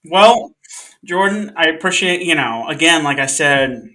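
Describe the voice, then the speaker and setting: A man's voice: a little high, animated, measured pace, bright, forceful tone. A man from Oklahoma hosting a casual podcast, easygoing and joking. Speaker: podcast host.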